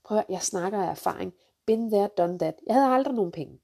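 A woman ranting through a countdown of pet peeves, blunt and sarcastic, swearing freely and jumping into sharp outbursts. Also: mid-range voice, expressive, vocal fry. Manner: jumps to sharp loud outbursts. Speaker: vlogger, mother.

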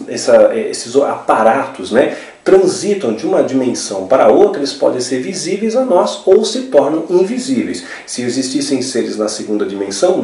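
A man's voice: fairly high pitch, warm tone. A man gives a religious teaching talk, explaining step by step and often checking in with tag questions. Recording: roomy, from a distance.

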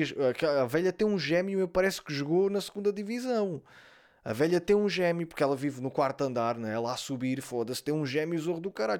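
A young adult man with a European Portuguese accent, hosting a podcast and telling stories in a casual, animated way, often swearing and imitating sounds and other people's voices. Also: fairly high pitch. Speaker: podcast host. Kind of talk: casual storytelling monologue.

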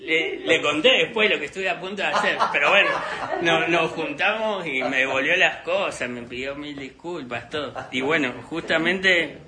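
A man's voice: a little high, moderate pace, few pauses, roomy sound, a crowd in the background. A young man with an Argentine Spanish accent, telling a personal story in casual chat, acting out the dialogue and laughing often. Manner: animated, acts out dialogue with laughter. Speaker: podcast host telling a story.

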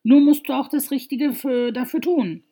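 A woman voicing a kind young man who talks a distressed stranger down in a calm, gently persuasive way, in a spoken story. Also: high-pitched, moderate pace, pitched above the performer's own voice. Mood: earnest.

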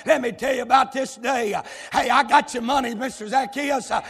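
A Southern US preacher voicing an overjoyed man, once blind and now healed, who shouts his testimony with exultation. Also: extremely high pitch, brisk, creaky, husky, faint music behind, pitched above the performer's own voice, exaggerated voice. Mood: exultant. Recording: long church hall reverb.

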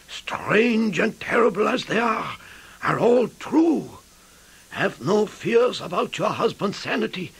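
A gravelly, urgent old professor. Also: male voice, high-pitched, bright, forceful tone, heavily acted. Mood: earnest. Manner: emphatic, pleading. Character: elderly male professor, earnest and urgent. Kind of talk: radio drama acting.

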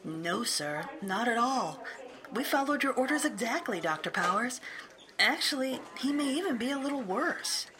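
A woman's voice: a little high, very animated, normal speed, crowd noise. An actress playing a dutiful female psychiatric nurse, reporting in a clinical, deferential manner in an audio drama. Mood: clinical, uneasy.

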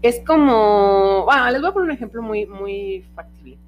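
A woman's voice: mid-range voice, lively intonation, moderate pace, muffled recording, slight background noise. A woman hosting a casual podcast about dogs, often searching for words with fillers and restarts, recorded on a podcast microphone. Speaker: podcast host, dog trainer. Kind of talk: casual explanatory podcast talk.

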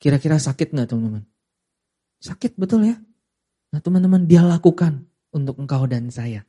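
Preaching to a youth congregation, a young man with a slightly rough voice moves at a moderate pace and swings between animated, emphatic highs and hushed, serious moments. He draws the crowd into call-and-response, getting them to echo his lines.

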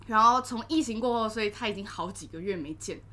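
A young woman with a Taiwanese Mandarin accent, co-hosting a podcast in casual chat and telling animated stories with frequent laughter. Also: mid-range voice, fast. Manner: animated storytelling, often breaks into laughter. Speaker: podcast co-host.

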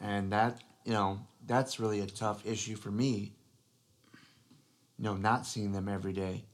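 A man with a fairly low voice co-hosts a casual podcast chat. He speaks earnestly and haltingly, restarting his sentences and filling gaps with "you know". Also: steady tone. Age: adult father. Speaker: podcast co-host.

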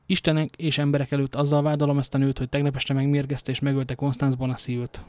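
A man's voice: medium pitch, level tone, darkish tone, no room sound, lightly acted. A man reading the part of a fierce young male musketeer making a formal accusation. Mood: accusing.

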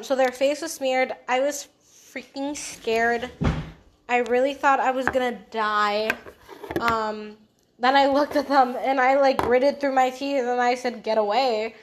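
A woman's voice: high-pitched, steady tone, takes it slowly. A young woman co-hosting a casual podcast, rambling through a story with many fillers and mild swearing. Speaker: podcast co-host.

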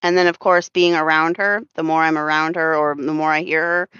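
A woman's voice: sits low, steady tone, fairly quick, a bit bright, smooth, dry recording. A woman from Florida with a slight Southern drawl, hosting a casual podcast chat, rambling with fillers and frequent laughter. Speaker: podcast host. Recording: dull lo-fi dry sound.

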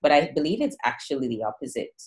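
A woman's voice: a bass voice, very animated, fast talker, a little mellow. A woman hosting a podcast interview in an upbeat, encouraging way. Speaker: podcast host.

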